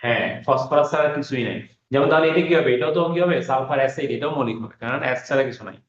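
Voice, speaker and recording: Speaking very fast in a mid-range voice, this man teaches an online class lesson, repeating important words and testing his students as he goes. The recording has the roomy, muffled quality of online class audio.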